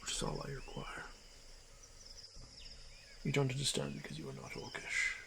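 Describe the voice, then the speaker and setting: A man playing a gently protective, stoic orc warrior bound by honor delivers hushed, formal, halting lines full of pauses in a fantasy ASMR roleplay, his mid-range voice swooping wildly in pitch, heavily acted and with vocal fry. He sounds grave and determined. Crickets and other insects fill the noisy nighttime recording.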